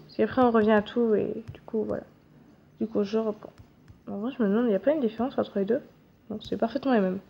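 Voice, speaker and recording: A young woman who makes gaming videos gives casual, chatty let's-play commentary while she plays, mocking herself and swearing casually at the game. Her voice is a little high and a little mellow, and the audio is dull and slightly lo-fi.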